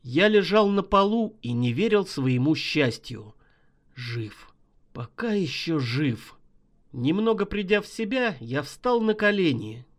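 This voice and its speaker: A man narrates a horror story with a mid-high voice. His pitch rises and falls animatedly, and he tells it in a dramatic, vivid way. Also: big pitch swings, takes it slowly. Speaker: audiobook narrator.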